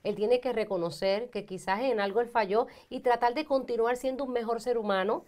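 A woman with a somewhat high voice hosts a talk show from a studio armchair. She affirms what her guest says and adds her own supportive points. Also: fairly even intonation, brisk, a little mellow. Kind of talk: advice talk show conversation.

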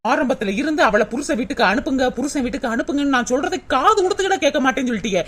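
A woman voicing an angry young village wife in a cartoon, scolding in a shrill, rapid manner. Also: lively intonation, fairly bright tone. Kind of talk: cartoon voice acting.

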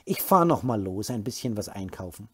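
A man voicing a worried young woman in an audiobook, raising his husky voice and pressing hard. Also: lowish voice, animated, fairly quick, fairly bright tone, slight background noise. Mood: reassuring. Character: worried young woman defending her drinking partner. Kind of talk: audiobook character voice.

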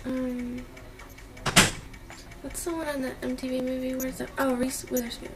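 A woman's voice: high voice, level tone, normal speed, very noisy. A woman chatting casually and informally. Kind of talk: casual chat.

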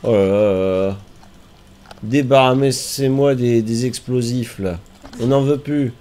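A man streaming a game, reacting out loud with yelps and groans and talking to the enemies on screen. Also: mid-range voice, takes it slowly. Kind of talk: live gameplay commentary.

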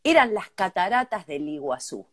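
Lively Argentine woman reading emails. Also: lowish voice, normal speed. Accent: Argentine Spanish. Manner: reads listener emails aloud with joking asides. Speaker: podcast co-host. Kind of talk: casual comedic chat.

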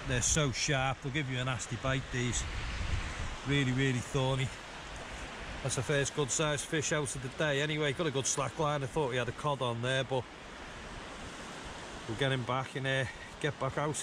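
A man's voice: medium pitch, little pitch movement, moderate pace, long pauses. Middle-aged man, casual catch report, plain delivery, outdoor camera audio with heavy surf noise. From England. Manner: plain, matter-of-fact, with some hesitant fillers. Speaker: sea angling vlogger. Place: open beach on a river estuary, outdoors. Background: loud surf and wind.

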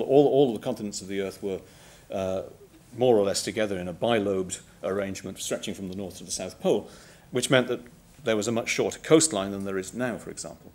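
A middle-aged man giving a public science lecture, measured and halting, with frequent ums and uhs. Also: on the low side, darkish tone.

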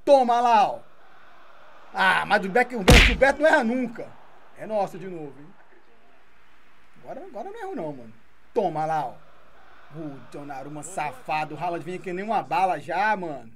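A Brazilian woman streaming a football video game, commenting live in an excitable, taunting way and swearing often. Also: on the low side, moderate pace, long pauses. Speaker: gaming streamer.

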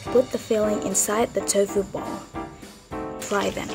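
Woman from indonesia, bit gravelly, casual cooking talk, music low behind. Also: steady tone, a little slow.

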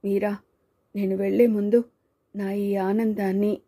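A woman voicing a quiet, remorseful grown man who talks in a subdued, pleading way. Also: mid-range voice, level tone, unhurried.

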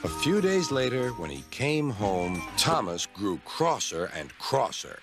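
A man's voice: lowish voice, measured pace. A man narrating a children's storybook in scripted style, acting out each character, with music behind. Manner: expressive, acts out every character. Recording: music playing under the voice.

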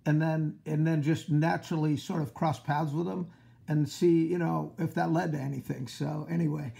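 Coach guy hosting a kids' video call interview, gravelly, dark mellow tone, lots of uhs. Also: fairly high pitch, steady tone, moderate pace. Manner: upbeat, many fillers. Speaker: host, school coach. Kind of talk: interview for schoolchildren.

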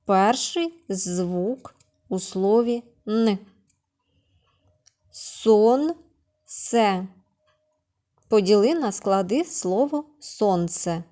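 A kindergarten teacher gives a remote literacy lesson to preschoolers in a medium-pitched, expressive, mellow voice. She speaks very slowly with frequent pauses, patiently asking questions, answering them herself, and sounding out words syllable by syllable.

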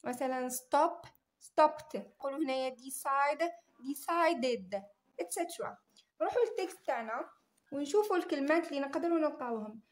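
A woman teacher with an Algerian Arabic accent walks students through English exam questions. Her voice sits high. She reads each English line slowly and deliberately before explaining it. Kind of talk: exam-prep lesson.

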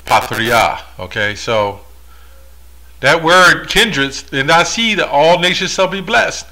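A man's voice: a little high, animated, a little slow, pushed and bright. A man reading Bible verses aloud and explaining them in a monologue, with rhetorical asides. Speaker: religious commentator.

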